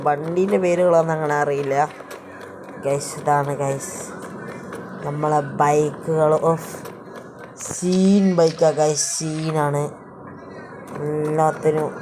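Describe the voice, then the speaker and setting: A woman chatting casually as a vlogger, mixing English words into her talk and often addressing viewers as guys. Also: sits low. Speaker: vlogger giving a showroom tour. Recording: loud car and engine noise.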